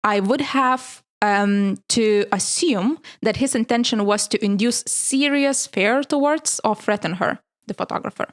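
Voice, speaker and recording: A woman hosts a casual podcast and presents news items from her prepared notes. She talks to her co-hosts in a relaxed, chatty way. She laughs easily between points. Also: medium pitch, a little slow, few pauses.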